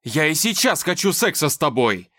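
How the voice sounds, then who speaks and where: A man playing a desperate young firefighter who shouts and pleads. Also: a little high, sing-song, moderate pace, exaggerated voice. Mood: shouting.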